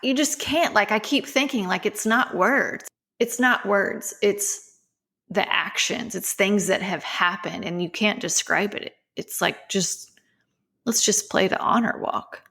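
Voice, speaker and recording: A woman, a podcast co-host, talking earnestly in a halting, casual way and sometimes dropping to a soft near-whisper. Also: mid-range voice, vocal fry, husky.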